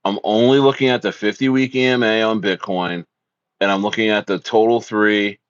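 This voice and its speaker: A man from South Jersey, USA, with a fairly low, clear, resonant voice and fairly even intonation hosts a casual livestream at a normal speed. He reads viewer comments and hypes things up in repetitive slang heavy on "bro," with dry, dull, lo-fi audio.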